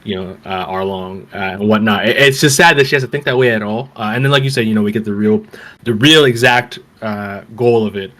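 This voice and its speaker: A man's voice: on the low side, a little fast, a bit bright. A man hosting a podcast, chatting enthusiastically and casually, calling his co-host "bro". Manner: enthusiastic, many fillers and restarts, says "bro". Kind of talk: casual chat.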